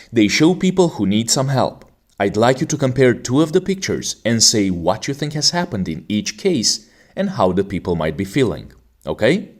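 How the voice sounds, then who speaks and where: A Romanian man hosts an English exam-prep podcast, taking the role of examiner. He speaks formally and in a teacherly manner, at a middle pitch for a man, with lots of pitch movement.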